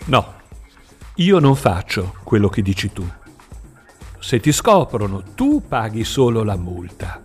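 A man voicing a stubborn young worker who answers in a steady, unafraid way in an audiobook. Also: fairly low pitch, slow, soft background music, heavily acted. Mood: defiant.

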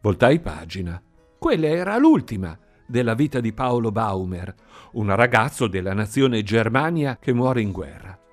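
A man reading a story aloud in an expressive, sing-song storytelling manner. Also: lowish voice, moderate pace. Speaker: narrator. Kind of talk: audiobook reading. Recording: faint music behind.

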